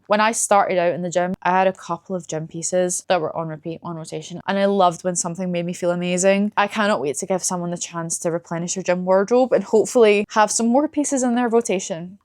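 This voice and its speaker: A young woman at university, chatting about her favourite picks with gushing enthusiasm. She speaks from her dorm room. The sound is dry and close, with little room echo. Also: fairly low pitch. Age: young adult. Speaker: fitness content creator. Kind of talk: casual product review vlog.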